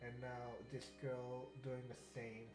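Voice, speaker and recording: A man's voice: mid-range voice, completely flat delivery, slow, close to an everyday voice. A man reading aloud the lines of a smug, arrogant young male guild agent from a game, stumbling over some words. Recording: echoey room, faint game music.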